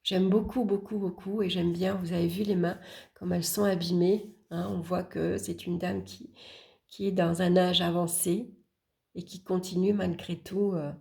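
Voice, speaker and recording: A woman with a low, gravelly voice talks slowly through a tarot deck. She names each card in an unhurried murmur and pauses now and then to look closer. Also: steady tone. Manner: unhurried, murmuring card names while flipping, with small hesitations; warm, admiring remarks about the artwork. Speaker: channel host presenting a tarot deck. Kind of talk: casual deck walkthrough.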